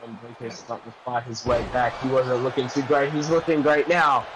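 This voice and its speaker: A man works as a wrestling commentator, with a mid-pitched voice. He calls moves in a dramatic, excitable play-by-play style, often posing questions. The recording is noisy, with clear ambient sound behind him. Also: brisk.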